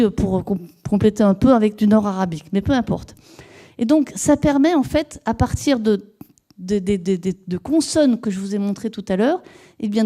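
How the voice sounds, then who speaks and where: A woman's voice: on the high side, dark tone. A woman giving an academic lecture to an audience, explaining her research step by step, with hesitant restarts and questions put to the listeners. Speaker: lecturer in epigraphy.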